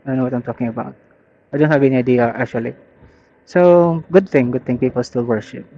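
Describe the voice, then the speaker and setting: This motorcycle vlogger, a man with a Filipino accent, talks fast in a medium pitch while cruising rural roads outdoors. His commentary is loose and wandering, like easygoing chat with himself. The muffled sound comes from the helmet intercom headset he records on.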